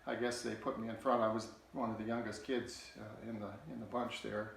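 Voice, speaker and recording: A man telling a personal childhood story in a halting, earnest way, often restarting his sentences. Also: on the low side, level tone, vocal fry, a little hiss or hum. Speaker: political candidate. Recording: very echoey room.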